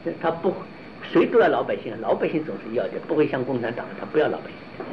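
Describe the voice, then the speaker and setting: A man teaching Buddhist philosophy in a slow, halting lecture, often repeating and restarting his phrases and asking rhetorical questions. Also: medium pitch, sing-song, lo-fi sound, background noise.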